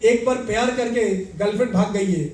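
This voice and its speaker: A man giving an animated motivational talk, telling a fable and acting out its characters. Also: high-pitched, a little fast. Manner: animated storyteller, acts out characters. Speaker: motivational speaker. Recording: echoey room, mic at a distance.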